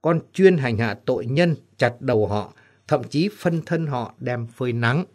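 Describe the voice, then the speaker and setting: A man's voice: mid-range voice, lively intonation, unhurried, a little mellow. A man voicing the sorrowful ghost of a young son in an audio story, speaking sadly. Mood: mournful. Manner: sad, mournful.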